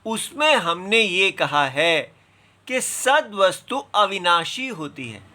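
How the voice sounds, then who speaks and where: A man teaching scripture at a very unhurried pace, with a slightly high, bright voice. He explains patiently and breaks each word into its syllables, sometimes reciting verses in a slow chant. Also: very animated.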